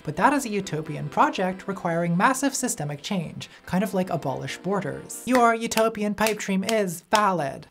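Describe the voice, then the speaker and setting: Woman host, scripted commentary read, sardonic and theatrical, lower register, light music bed. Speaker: video essayist host.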